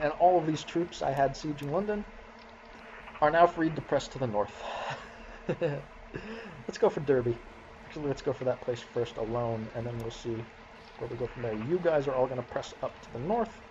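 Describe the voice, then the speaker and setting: A man's voice: mid-range voice, darkish tone, muffled recording, a little hiss or hum. A man casually commentating his own strategy game session, chuckling and talking to his units as he plays. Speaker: gameplay commentator.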